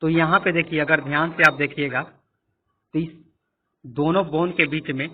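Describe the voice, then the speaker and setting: A man's voice: fairly high pitch, fairly even intonation, measured pace, breathy edge. Tinny-sounding man teaching biology. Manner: explanatory, repeats points and quizzes listeners. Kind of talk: classroom lecture with screen annotation. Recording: tinny phone-like audio.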